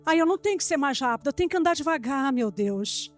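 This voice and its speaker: Older woman, Brazilian accent, church sermon, lively storytelling, dry close sound, soft music underneath. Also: sits high, fast talker, dry recording. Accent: Brazilian Portuguese. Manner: lively storytelling, acting out dialogue, frequent "né?". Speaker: preacher.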